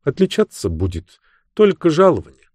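A man reading the part of a cool, sharp-tongued young woman in an audiobook, raising his voice for her cutting, mocking lines. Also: fairly high pitch, wildly swooping pitch, moderate pace, slightly rough, no echo, studio quality, voice pushed up, heavily acted.

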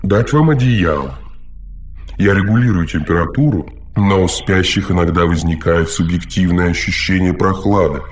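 A man's voice: low voice, moderate pace, lightly acted. A man reading an audiobook, voicing a fussy, over-solicitous male machine caretaker who lectures and talks too much.

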